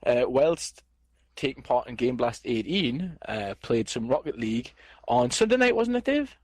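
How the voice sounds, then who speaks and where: A man hosts a relaxed gaming podcast with a joking, playfully boastful manner. His voice sits at an ordinary middle pitch. The sound is close and dry, with no room echo. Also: normal speed. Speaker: podcast host. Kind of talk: casual podcast chat.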